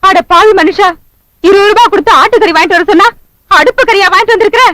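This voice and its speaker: A woman's voice: very high voice, quick pace, a bit bright. An actress playing an exasperated wife who scolds her drinking husband in a film comedy scene. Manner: nagging, scolding.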